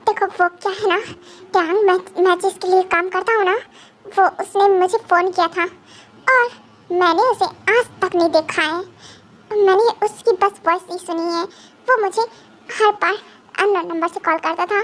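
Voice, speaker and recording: A woman's voice: extremely high pitch, steady tone, normal speed, fairly bright tone. A woman voicing a terrified male captive in a fan dub drama, stammering, crying and begging for mercy. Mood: terrified pleading.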